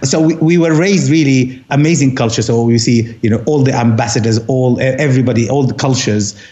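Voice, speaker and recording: A man's voice: medium pitch, a little fast, mellow, dull audio. A man from Sudan, a doctor in his fifties, speaking as an interview guest in a thoughtful conversational way, with frequent restarts. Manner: thoughtful, many restarts and fillers.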